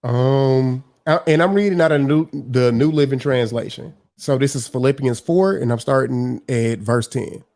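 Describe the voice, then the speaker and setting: A man joining a casual chat as a guest, agreeable and measured, who also reads a passage aloud steadily. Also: medium pitch, a little mellow. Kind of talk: casual chat and scripture reading.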